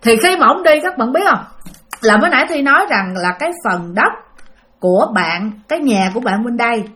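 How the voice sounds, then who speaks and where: Woman, ghost story narration, slightly high voice, chatty, talks to listeners. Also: expressive, a little fast, pushed and bright. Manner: chatty, addresses listeners directly.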